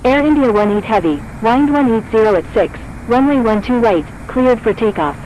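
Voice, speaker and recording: A woman's voice: a little high, animated, normal speed, darkish tone, lightly acted, low-quality recording. A woman voicing an airport tower controller in a flight simulator game, giving clipped, formulaic air traffic control radio calls. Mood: procedural. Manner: clipped, formulaic, scripted delivery.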